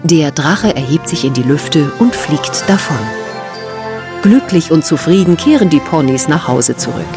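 A woman's voice: sits low, expressive, unhurried. A woman narrator reading a scripted children's story. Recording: music underneath.

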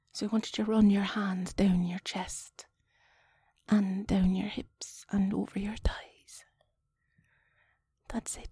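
An Irish-accented woman plays a flustered, chatty wife in an intimate audio roleplay, her mid-range voice warm and free of echo. Her mood is soft and coaxing, and her halting delivery often drops into a breathy whisper.

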